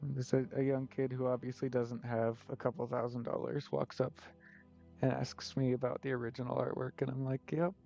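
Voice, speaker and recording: A man talks casually on his live stream as he paints, rambling and poking fun at himself. His mid-range voice is gravelly and dark in tone. The audio comes through a little muffled, with faint music playing underneath. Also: medium pitch, level tone, a little fast. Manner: joking, self-deprecating, rambling with frequent laughs. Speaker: artist streamer.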